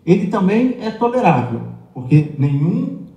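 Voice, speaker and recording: A man recounting his own experiences in a measured, step-by-step way, heard from a played clip. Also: sits high, very animated, dark tone, lo-fi sound. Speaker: interviewee telling of his life abroad. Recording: echoey room, played clip.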